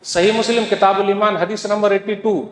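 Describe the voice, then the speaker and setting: A man's voice: sits high, fairly even intonation, normal speed. A man preaching a Friday sermon, exhorting the listeners with rhetorical questions and quoted scripture. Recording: echoey hall with long reverb.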